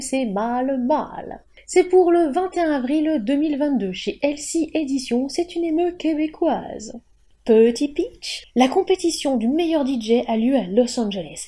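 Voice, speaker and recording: Lady doing book news, high voice, mellow tone, playful little whispers. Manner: lively, playful, with teasing whispered asides. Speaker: host of a monthly book news show. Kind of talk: scripted news-style reading with playful asides.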